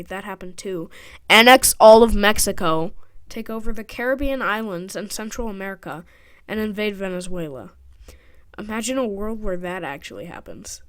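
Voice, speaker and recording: Jokey woman narrating history. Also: medium pitch. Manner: jokey, sarcastic asides. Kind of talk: casual scripted narration. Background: background music.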